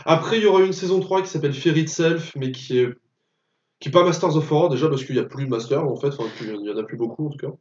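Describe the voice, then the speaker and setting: Man, casual film podcast chat, opinionated, blunt, fairly high voice, distant dull mic. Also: fast, echoey room. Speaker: podcast co-host.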